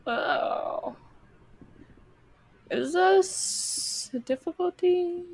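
A woman's voice: extremely high pitch, drawn-out words, gravelly, darkish tone. A young woman giving casual, giggly and reactive commentary while playing a co-op horror game as a streamer. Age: young adult. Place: small indoor room at home, streaming setup. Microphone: microphone on a boom arm, close.

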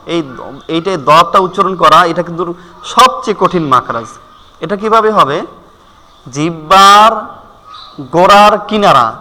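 Slow, bright-voiced male Quran teacher. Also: fairly high pitch, in a large hall. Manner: slow, deliberate, drawing out each letter sound and repeating it. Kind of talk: spoken pronunciation lesson.

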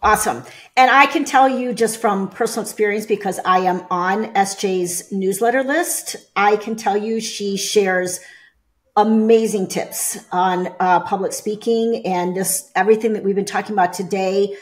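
A woman hosting an interview podcast, chatty and upbeat, often pausing on "uh". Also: mid-range voice. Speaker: podcast host. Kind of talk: casual interview.

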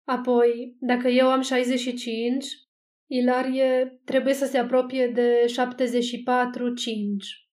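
A woman's voice: on the high side, level tone, darkish tone, natural voice. A woman voicing a pompous old townsman. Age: 60s. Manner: pompous, measured. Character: portly older man, self-important townsman.

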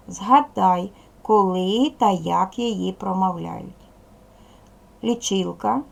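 Female primary teacher, gravelly edge, patient question-and-answer manner for young kids. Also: medium pitch. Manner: patient, asks pupils questions and answers them herself. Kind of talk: video lesson for young pupils.

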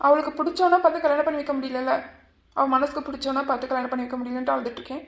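A woman's voice: high voice, fairly even intonation, very fast. A woman voicing a worried husband and older brother in a cartoon, troubled and brooding. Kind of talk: cartoon family drama.

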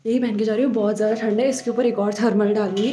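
This young vlogger talks very fast in a steady, dark, mid-range voice, chatting casually to camera and dropping in English phrases.

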